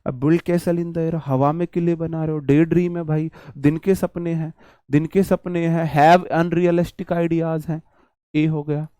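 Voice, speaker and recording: A man teaching English idioms to exam students in casual Hinglish, with an Indian English accent. He slows right down to spell out each English phrase and calls his students "my brother.". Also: on the high side, level tone, warm tone, smooth, no echo. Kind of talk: casual live vocabulary lesson.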